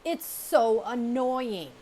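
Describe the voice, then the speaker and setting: A woman voicing a bossy young female bear in a storybook reading, with a sarcastic, loud delivery. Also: mid-range voice, very animated, measured pace, a little hiss or hum.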